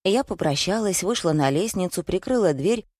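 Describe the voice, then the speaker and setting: A woman narrating a first-person novel in an even, wry storytelling manner. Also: fairly low pitch, normal speed, dry recording, studio quality. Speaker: audiobook reader.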